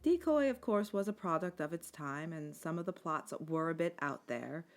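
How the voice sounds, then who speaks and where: A woman giving scripted documentary narration in a measured, articulate storytelling manner. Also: low-pitched, lively intonation. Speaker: video essay narrator. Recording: music bed under the voice. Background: instrumental music.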